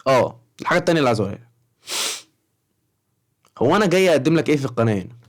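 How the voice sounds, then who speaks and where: Fast-talking young Egyptian man vlogging. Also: medium pitch, sing-song. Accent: Egyptian Arabic. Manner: rambling and chatty, keeps checking in with the viewer. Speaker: study-advice vlogger for high school students. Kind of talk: casual fast-talking vlog.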